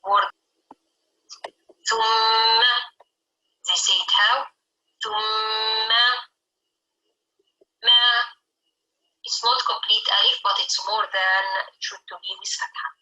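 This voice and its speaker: A woman teaching Quran recitation in English, speaking slowly and repeating words to show common mistakes. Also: fairly high pitch, steady tone, sharp tone, poor audio. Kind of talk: recorded tajwid lesson in English.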